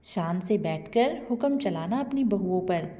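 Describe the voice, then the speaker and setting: Woman storyteller, steady expressive narration, mellow tone, long reverb. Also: fairly low pitch, unhurried.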